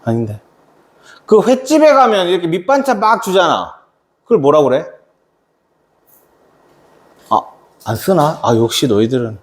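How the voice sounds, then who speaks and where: A man teaching a math lesson to a class, chatty and quizzing students by name. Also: a little high. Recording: echoey classroom.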